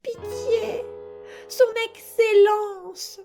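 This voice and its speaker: A woman voicing a young wooden puppet boy in an audiobook, high and pleading. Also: fairly even intonation, drawn-out words, gravelly, warm tone, soft background music, exaggerated voice. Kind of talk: audiobook character reading.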